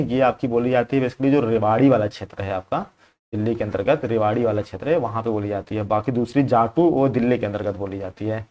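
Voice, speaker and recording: This young man's voice is medium-pitched and a little mellow. He teaches exam preparation, working through practice questions conversationally, repeating key points and checking in with the viewer often.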